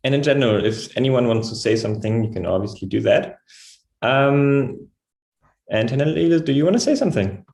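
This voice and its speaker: A man facilitating a video call discussion, passing the word on in a soft-spoken, low-key way. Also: lively intonation, a little fast, reverberant.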